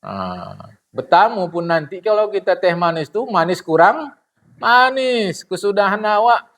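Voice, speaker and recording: A man's voice: sits high, sing-song, unhurried, fairly bright tone. A middle-aged man, giving a humorous sermon to his congregation. He asks questions and answers them himself, and acts out little dialogues. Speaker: religious teacher.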